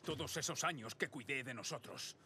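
An actor dubbing a weary, hardened middle-aged male survivor in a video game, gruff and insistent. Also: medium pitch, brisk, pushed and bright, a little hiss or hum, lightly acted. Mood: bitter. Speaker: protagonist. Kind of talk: Spanish video game dub.

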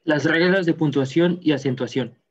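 A man student with a Mexican accent reading spelling rules aloud with measured care in an online class. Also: a little high. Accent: Mexican Spanish. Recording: dull video call audio.

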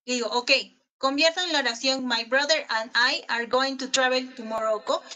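A woman's voice: high voice, steady tone, moderate pace, pushed and bright. A woman English teacher giving a recorded online class in Spanish, patient, often asking her pupils questions. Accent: Peruvian Spanish.

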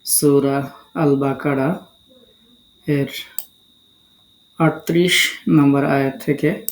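A Quran recitation teacher from Bangladesh giving a step-by-step lesson, breaking words into syllables and spelling out each rule deliberately. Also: medium pitch, fairly even intonation, roomy sound.

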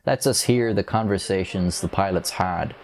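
A young man giving a measured, grave scripted narration of an air disaster, speaking into a lapel mic in a dark studio. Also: low-pitched, gravelly. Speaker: documentary narrator.

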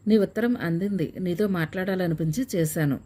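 A woman's voice: fairly low pitch, a little fast, dark tone, lightly acted. A woman reading the lines of a shy young man calling his fiancée, hesitant at first and then coaxing. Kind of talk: audiobook character reading.

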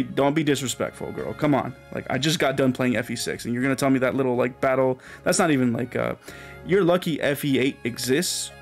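A man with an ordinary mid-range voice chats his way through a game as the host of a let's play. He rambles, restarts sentences and laughs at his own remarks. Soft game music plays quietly underneath. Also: mid-range voice. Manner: rambling, filler-heavy, laughs often. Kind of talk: casual gameplay commentary.

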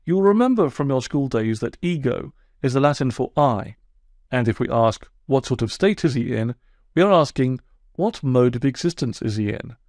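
A man voicing a calm male heron counsellor who asks patient, probing questions in a measured way. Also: mid-range voice, no echo, clean studio sound, lightly acted.

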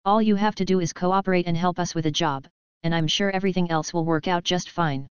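A woman's voice: fairly low pitch, steady tone, a little fast, clear, resonant tone, no room sound, muffled recording, natural voice. A woman voicing a big, boisterous male mercenary with jokey, overfamiliar, menacing charm, in an audiobook story. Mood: breezy menace.

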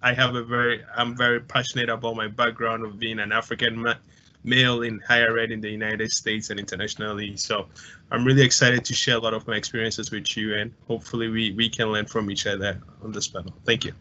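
A man introduces himself on a webcam panel, pausing often with fillers and restarts. His voice is low and bright and stays flat. The call audio is a bit muffled. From Ghana. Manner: halting, many restarts and fillers. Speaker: panelist, IT staff. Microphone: video call webcam.

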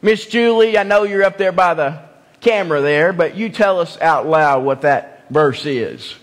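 High-voiced pastor in a reverberant church. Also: male voice, a little slow. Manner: emphatic, repeats key phrases, asks the congregation questions. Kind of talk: evening sermon. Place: church sanctuary.

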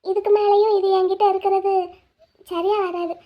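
A woman's voice: very high voice, flat delivery, normal speed. A woman voicing a poor, proud young woman in a cartoon drama, sad and resolute. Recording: dull lo-fi audio.

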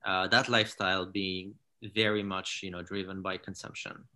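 A man in his thirties from Morocco, a founder talking in a casual interview over a video call from his living room, halting with many fillers and restarts. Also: low voice, level tone, pushed and bright. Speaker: founder and CEO, guest. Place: home living room with large window. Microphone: laptop or webcam on a video call.

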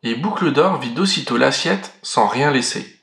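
A man reading a children's story aloud, clear and expressive. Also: mid-range voice, moderate pace. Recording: roomy echo.

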